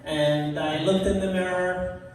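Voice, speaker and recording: An older Iraqi man with an Iraqi Arabic accent does self-deprecating stand-up on a bar stage, his voice high and steady. He takes his time with punchlines and chuckles through them with laughing asides. The audio is echoey, picked up from far off in the bar.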